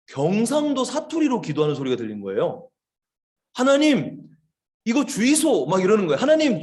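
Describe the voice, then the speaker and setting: A man, a missionary, giving a lively children's sermon, telling stories and asking the kids questions. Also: a little high. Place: church service, online.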